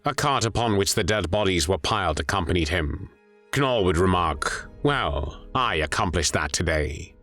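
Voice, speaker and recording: A man reading scripted documentary narration in a grave, measured way. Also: deep voice, a bit bright, no room sound. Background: faint music.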